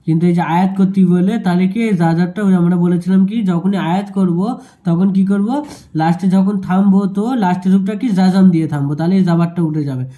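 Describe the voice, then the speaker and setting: A man with a very dark, mellow voice teaches a Quran reading lesson, speaking a little higher than most men. He sounds out each syllable slowly and patiently, then explains the rules in a calm teacher's manner. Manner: slow syllable-by-syllable spelling and recitation. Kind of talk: Noorani qaida lesson.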